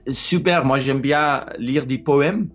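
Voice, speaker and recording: This middle-aged man from South Africa, Afrikaans-accented and using French as a second language, shares explorer advice in a relaxed monologue. His voice is mid-range, and he falters, repeats words and hunts for vocabulary. A close phone at a low angle captured him indoors under a wooden ceiling, with the top frequencies cut off.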